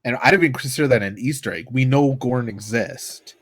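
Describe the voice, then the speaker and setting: Male co-host, middle-pitched, confused questioner, dry studio mic. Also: slightly rough, dry recording. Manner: puzzled questions, quick reactions. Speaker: podcast co-host. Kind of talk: casual chat.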